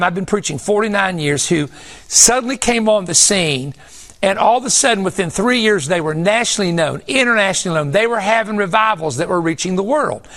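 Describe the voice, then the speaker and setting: Older male preacher, high voice, earnest testimony with emphatic repeats. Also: bright, forceful tone. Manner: earnest storytelling with emphatic repetition. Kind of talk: testimony sermon.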